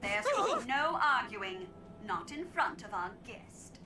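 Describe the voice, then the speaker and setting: A woman's voice: on the high side, sing-song, takes it slowly, sharp tone, slight background noise, heavily acted. A woman voicing a bossy, scheming aristocratic mother in a comedic game, haughty and scolding. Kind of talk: comedic adventure game acting.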